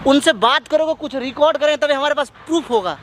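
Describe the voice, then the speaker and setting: A man acting as a friend who calmly coaxes a woman through a plan, in an amateur skit. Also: extremely high pitch, fast, a little hiss or hum. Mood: advising. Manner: coaxing, instructive. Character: calm male friend giving scheming advice.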